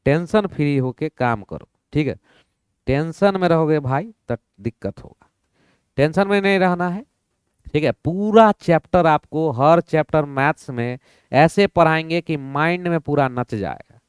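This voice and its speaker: Playful maths teacher, clear voice. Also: male voice, fairly high pitch, a little slow, no room sound, studio quality. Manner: playful, acts out both sides of a dialogue. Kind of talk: lively classroom lesson.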